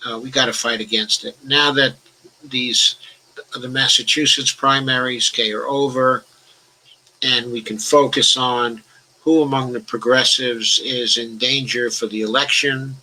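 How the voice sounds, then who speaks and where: An older man hosting a political discussion show does a casual live-stream talk, reading viewer comments aloud and answering them. His mid-range voice has a sharp tone on a low-quality recording, and he stutters at times, chuckles, restarts, and talks about his own stutter.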